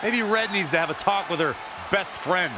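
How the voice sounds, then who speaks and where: A man's voice: high-pitched, normal speed, crowd noise, noisy background, lightly acted. A man giving opinionated, emphatic scripted wrestling commentary in a video game.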